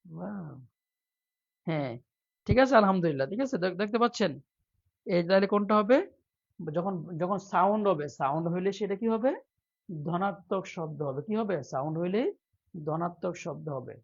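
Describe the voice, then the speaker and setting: A man's voice: sits high, brisk, gravelly, dull audio. A male teacher leading a live online lesson for job exams, repeating each question again and again to quiz his viewers. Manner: reads viewer comments aloud, softer.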